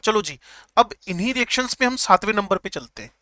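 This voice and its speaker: Male chemistry teacher, joking lecture style, repeats terms slowly, high bright voice, dry sound. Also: expressive, no echo. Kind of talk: classroom lecture.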